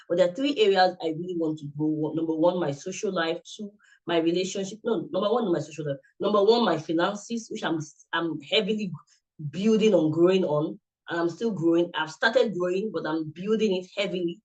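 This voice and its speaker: An online summit presenter gives an earnest, often repetitive motivational talk, coaching his audience head-on. His voice is high-pitched, fairly quick and a little mellow, and the audio from his video-call computer mic is poor.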